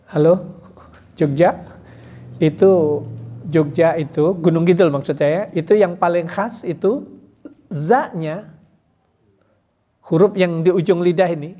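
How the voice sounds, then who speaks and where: A man teaching Quran pronunciation in a mosque hall, demonstrating letter sounds slowly and counting the class in before each repetition. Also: high-pitched, dark tone. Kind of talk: tajwid pronunciation lesson in a mosque study circle.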